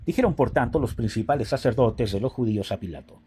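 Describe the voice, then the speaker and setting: A man reading scripture aloud in a steady, solemn way. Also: mid-range voice, fast talker, slight background noise. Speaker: Bible reader.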